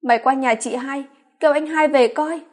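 A woman's voice: fairly even intonation, moderate pace, natural voice. A woman voicing a grieving adult daughter who cries out in shock. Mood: panicked. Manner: wailing, high and loud.

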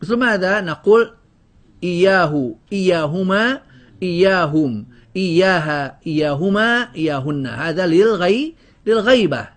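A man's voice: high-pitched, animated, normal speed. A man teaching a grammar lesson to a class, drilling word lists and quizzing students with questions. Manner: often breaks off and restarts words.

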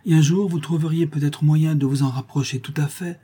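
A man voicing a gentle, kind young girl who speaks softly and consolingly. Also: a little high, steady tone, fairly quick, breathy edge, pitched above the performer's own voice. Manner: soft, consoling.

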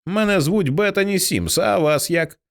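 A man's voice: sits high, normal speed, creaky, pitched above the performer's own voice. A man voicing an edgy teenage girl in an audiobook reading, blunt and sarcastic, swearing casually. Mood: wry, anxious.

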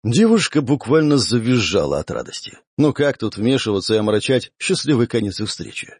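Man reading an audiobook story, husky voice, lots of pitch movement, dry close mic. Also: very animated, brisk, a little mellow, dry recording. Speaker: audiobook narrator. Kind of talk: first-person audiobook narration.

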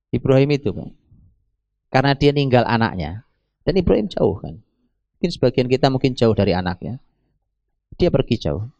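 A middle-aged man delivers a sermon in a lively, emphatic way and keeps speaking straight to his listeners. His voice sits at an ordinary middle pitch. The sound is dry and close, with no room echo. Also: muffled recording. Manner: animated, emphatic, often addresses listeners directly. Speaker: Islamic preacher.

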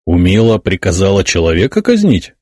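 A man's voice: low voice, wildly swooping pitch, a little fast, darkish tone, breathy edge, no echo, studio quality, heavily acted. A man voicing a stern prince who speaks reproachfully to his son. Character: stern ruling prince and father.

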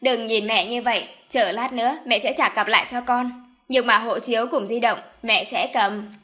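A woman's voice: on the high side, fairly even intonation, normal speed, sharp tone. A woman voicing a scheming, stubborn middle-aged mother in an audiobook, insistent and commanding. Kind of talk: audiobook character voice.

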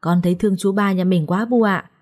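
Scheming daughter-in-law, sneering, condescending, dark mellow tone, read by a woman. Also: mid-range voice, fairly even intonation, brisk, natural voice.

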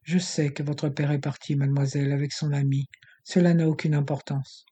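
A man voicing a courteous, composed gentleman in an audiobook, speaking with measured politeness. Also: on the high side, little pitch movement, husky. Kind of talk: audiobook character reading.

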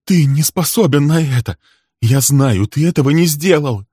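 A man voicing an anxious young woman who pleads urgently with her lover, raising his voice higher and louder. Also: animated, normal speed, slightly rough, no room sound, studio quality.

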